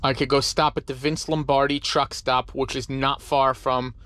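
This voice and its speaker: In a relaxed vlog shot on a handheld camera at arm's length, a forty-something truck driver chats at a truck stop, then inside his cab. He speaks at a moderate pace in a level, mid-range voice that sounds pushed, bright, and smooth, rambling along with plenty of fillers.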